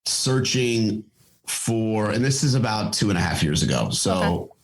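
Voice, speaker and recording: Low-voiced man chatting with many restarts. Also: expressive, measured pace, poor audio. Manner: thoughtful, lots of fillers and restarts. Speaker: podcast guest, fitness company founder. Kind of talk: casual interview talk.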